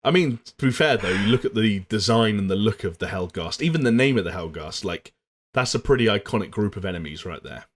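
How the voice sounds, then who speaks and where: Young guy with a lowish voice hosting a gaming chat, smooth and chatty, keeps things moving. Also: animated, fast. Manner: fluent, steers the talk with segues. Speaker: podcast co-host. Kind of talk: casual chat.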